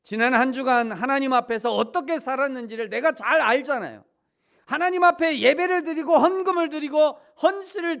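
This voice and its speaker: A middle-aged man preaching a sermon as pastor, shifting between hushed asides and loud emphatic peaks, and acting out quoted voices as he tells stories. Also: very high voice. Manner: acts out quoted voices in a playful storytelling way.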